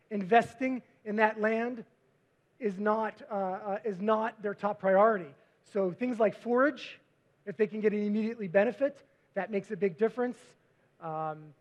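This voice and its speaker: A man, a visiting researcher, giving a conference presentation with slides, talking quickly with frequent fillers. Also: high voice. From United States. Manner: self-described fast talker, frequent fillers. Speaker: visiting cover crop researcher. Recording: dull lo-fi recording.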